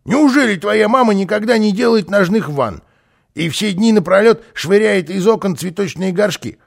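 A cocky, mischievous plump little flying man, as a storyteller puts him on, his voice pitched high and swooping wildly up and down. He crows and teases in a gravelly singsong, forever praising himself. A playful storybook character. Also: expressive, normal speed, exaggerated voice. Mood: boastful, teasing. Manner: showy, singsong, self-praising.

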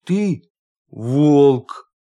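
A frightened little bear cub hollers from his hiding spot, as a man reads him out. He snaps in short, loud bursts. A slow, careful storybook telling. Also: a little high, expressive, exaggerated voice. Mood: alarmed. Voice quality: shouty, frightened. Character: scared, suspicious little bear cub, male.

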